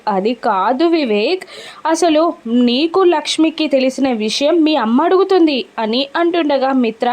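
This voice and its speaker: A woman's voice: sits high, darkish tone. A woman narrating a recap of a TV serial episode, telling it steadily and lifting her voice slightly for the quoted lines.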